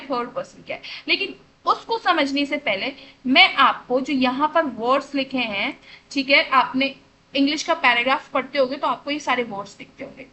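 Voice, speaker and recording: A woman's voice: high voice, bright, forceful tone, slight background noise, rough recording. A woman teaching English grammar to children, asking questions and answering them herself, again and again. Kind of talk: classroom lesson explanation.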